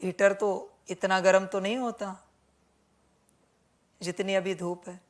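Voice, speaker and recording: Woman preacher, slow and gentle scolding, calls everyone kids, keeps repeating herself. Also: mid-range voice, steady tone. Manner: gently admonishing, repeats the same points; mixes English words into Hindi. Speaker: spiritual teacher. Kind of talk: spiritual sermon addressing listeners as children.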